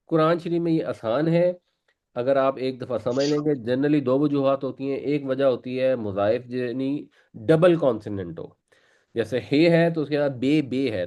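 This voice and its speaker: Speaking at a medium pitch with a mellow tone, a man runs a Quran lesson. He explains pronunciation with patience and repeats words so his students can follow.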